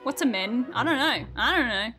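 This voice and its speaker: A woman streaming a life sim game, chatting casually, swearing a lot and laughing loudly. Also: a little high, lively intonation, moderate pace, soft background music. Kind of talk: casual gameplay commentary.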